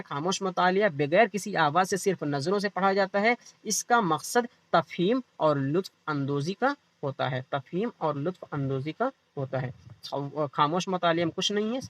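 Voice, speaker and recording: A man's voice: on the high side, no room sound, dull audio. Quizzing man teaching. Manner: explains by asking and answering his own questions. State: feeling unwell. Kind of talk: online exam-prep lecture.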